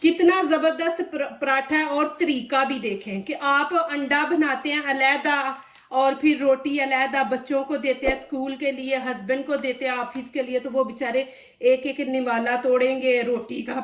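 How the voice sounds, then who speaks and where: A woman hosting a home cooking show gives a chatty, step-by-step lesson, her voice a touch high and strained by a sore, dry throat. She stands back from the mic, so her voice sounds distant. The kitchen around her is echoey. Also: fairly even intonation, normal speed, a bit bright. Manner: chatty and instructive, often says "see this". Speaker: cooking channel host.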